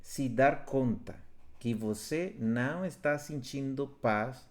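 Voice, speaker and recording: Speaking slowly in a mid-range voice, a male workshop facilitator talks earnestly about love and self-awareness in a relationships livestream broadcast from home. He repeats phrases to drive his points home.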